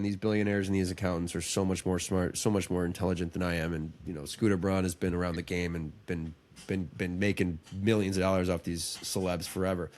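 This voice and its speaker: A man co-hosting a podcast in casual, crude, joking chat that rambles and restarts. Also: on the low side. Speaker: podcast co-host.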